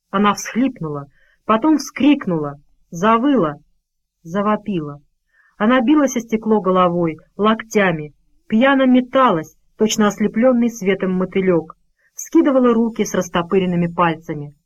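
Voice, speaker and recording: A woman reading an audiobook as its narrator, in an expressive, dramatic style. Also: mid-range voice, moderate pace, poor audio. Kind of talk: scripted narration.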